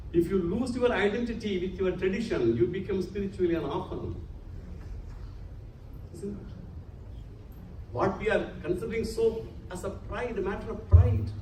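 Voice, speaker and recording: A high, mellow male voice delivers an earnest religious lecture to a congregation, sprinkling in many Sanskrit terms. He is a spiritual lecturer, recorded in an echoey hall on a distant mic with a faint hum.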